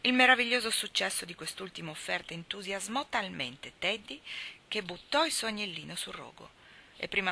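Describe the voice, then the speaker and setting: A woman reading a novel aloud as a storyteller, softly, at times dropping to a whisper. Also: fairly low pitch, vocal fry, slight background noise. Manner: soft, sometimes dropping to a whisper. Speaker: reader. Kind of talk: scripted narration.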